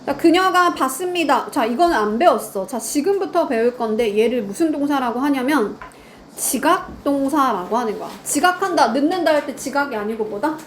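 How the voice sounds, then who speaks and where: A woman's voice: sits high, lively intonation, moderate pace, a little hiss or hum. A woman teaching grammar in a lecture, quizzing her students and answering her own questions.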